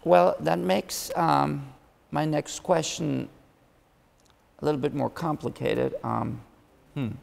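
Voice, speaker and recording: A man's voice: fairly high pitch, fairly even intonation, takes it slowly, vocal fry, long pauses, darkish tone, long reverb tail. A man hosting an interview, musing and hesitant with fillers. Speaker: interviewer host.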